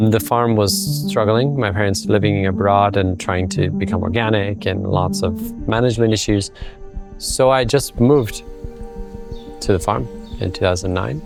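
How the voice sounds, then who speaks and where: A man in his thirties with a fairly low voice and vocal fry speaks reflectively as a farmer in a documentary interview, explaining things through stories. Born in Brazil and raised in the United States, he has an American accent.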